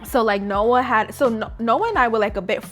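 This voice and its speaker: A woman's voice: on the high side, brisk, a bit bright, faint music behind. A young woman vlogger chatting casually through a story, full of fillers and acting out her own thoughts. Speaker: beauty vlogger. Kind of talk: casual storytime while doing makeup.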